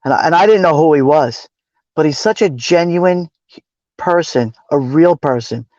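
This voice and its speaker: A fairly high-pitched man with lively intonation speaks at a moderate pace, his tone darkish and the recording dry with the highs cut off. Born in New York City and raised in Brooklyn, he has a Brooklyn accent and chats casually yet earnestly as a livestream moderator and cameraman co-host, repeating phrases for emphasis.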